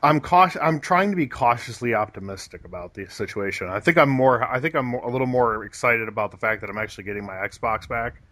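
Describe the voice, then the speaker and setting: A young man hosts a laid-back gaming podcast at a middle pitch. He hesitates a lot, restarting his sentences and filling gaps with "uh" and "um", and his humor stays dry. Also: lively intonation, a little fast, few pauses, fairly bright tone. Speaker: podcast host. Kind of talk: casual gaming podcast chat.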